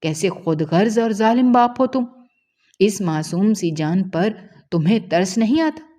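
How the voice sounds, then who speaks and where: A woman's voice: medium pitch, animated, warm tone, close to an everyday voice. A woman voicing a compassionate young stranger who pleads earnestly and reproaches a cruel father in a storybook tale. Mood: reproachful.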